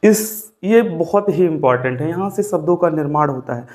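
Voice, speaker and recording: Guy teaching english grammar, kinda high voice, keeps asking if you get it and says write it down. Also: expressive, normal speed, darkish tone. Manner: repetitive, coaxing, addresses viewers as brother and sir; dictates notes, tells viewers to write things down. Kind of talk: classroom-style grammar lesson.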